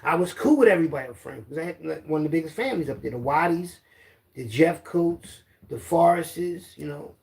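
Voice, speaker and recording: Middle-aged man, Philadelphia accent, gravelly and slightly high, casual rambling storyteller. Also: lively intonation, fairly quick, darkish tone. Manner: loose street slang, rambling recollection. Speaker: storyteller guest.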